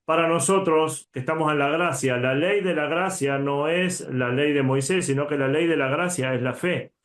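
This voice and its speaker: A man's voice: fairly high pitch, normal speed, roomy sound. A man giving conversational Bible teaching, earnest, often tagging his points with a questioning "right?". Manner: earnest, frequent "¿verdad?" tags.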